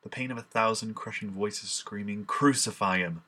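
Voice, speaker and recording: A man voicing a grieving, ashamed apostle in a dramatic monologue, his voice very deep and husky yet bright-edged. He recites in a solemn, impassioned way, full of remorse. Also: moderate pace. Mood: sorrowful. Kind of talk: dramatic first-person monologue.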